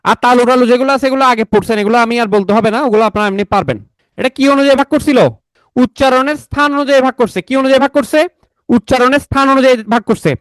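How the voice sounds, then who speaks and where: A man's voice: very high voice, fairly even intonation, rapid-fire, no echo. A man teaching a grammar class in a casual, chatty tone, repeating key points and quizzing his students. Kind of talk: online exam-prep lecture.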